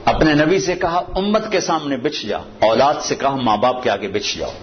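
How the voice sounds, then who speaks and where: Preacher with a lilt. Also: male voice. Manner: storytelling, recites Arabic verses in a low measured voice. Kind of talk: sermon. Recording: dull lo-fi with faint noise.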